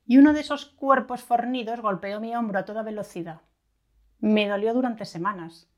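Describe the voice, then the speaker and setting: A woman's voice: fairly high pitch, moderate pace, a little mellow. A woman reading a first-person story in a wry, conversational narration, now and then acting out angry outbursts.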